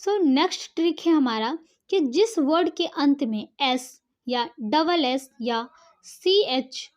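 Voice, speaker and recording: A woman's voice: high-pitched, expressive, slow pace. A woman teacher giving an online English lesson, explaining step by step and often checking in with the learner.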